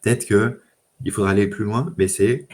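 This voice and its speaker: Low-voiced man in casual tech chat. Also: normal speed. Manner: relaxed, many fillers and restarts. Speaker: data engineer guest.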